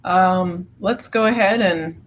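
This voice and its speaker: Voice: mid-range voice, slow, a little hiss or hum. A moderator politely asking the speaker questions, with some "um" fillers. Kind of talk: asking questions in an online talk.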